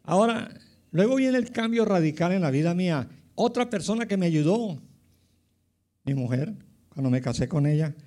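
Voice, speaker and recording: A man's voice: high-pitched, expressive, normal speed, warm tone. A man in his nineties from Colombia, a pastor telling his life story in a rambling way with many fillers and asides to his listeners. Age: 90s. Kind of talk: personal testimony, casual storytelling.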